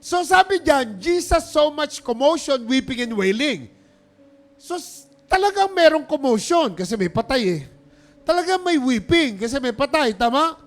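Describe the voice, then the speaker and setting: A man's voice: extremely high pitch, big pitch swings, moderate pace. A pastor preaching a sermon, calling out to the congregation and mixing English phrases into his talk. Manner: preaching with call-and-response, urging applause.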